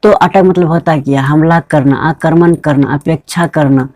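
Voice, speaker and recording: A man gives an online pronunciation lesson at his computer, often asking a question and answering it at once. His voice is mellow and dark, recorded dry and close with no room sound. He lingers on each word and says it more than once. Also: fairly high pitch, steady tone, moderate pace, dry recording. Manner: repetitive, asks and answers his own questions. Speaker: English pronunciation teacher. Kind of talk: screen-recorded tutorial lesson.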